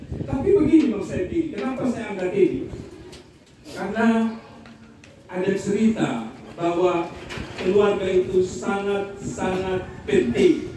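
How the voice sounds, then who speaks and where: A male pastor, telling jokes in a lively sermon and asking the congregation for amens. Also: high-pitched, a little slow, long pauses. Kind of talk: humorous Christmas sermon. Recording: echoey hall from far off, noisy.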